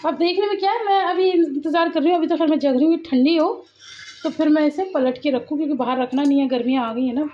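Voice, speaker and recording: A young Indian mother films a casual home vlog on her phone in the family home, chatting away and playfully scolding her kids. Her voice sits high with a quick pace and a darkish tone. The phone audio is muffled, with clear background noise.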